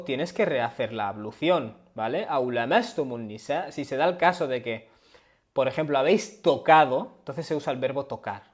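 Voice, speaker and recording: A man teaching on a live stream, explaining step by step and often checking in with his listeners. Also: mid-range voice. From Spain. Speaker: Islamic studies teacher. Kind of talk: live-stream lecture with questions. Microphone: webcam or phone on a live stream.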